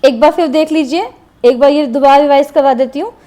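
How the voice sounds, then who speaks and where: A woman teaching a shorthand lesson, speaking slowly and patiently and repeating example words as she writes them. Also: high-pitched, dark tone. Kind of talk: classroom lesson explaining shorthand strokes.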